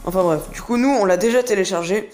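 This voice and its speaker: With soft music in the background, a young presenter talks quickly through a phone app in a laid-back screen-recording tutorial. The voice is medium in pitch and a little mellow, and the delivery wanders chattily, packed with hesitations.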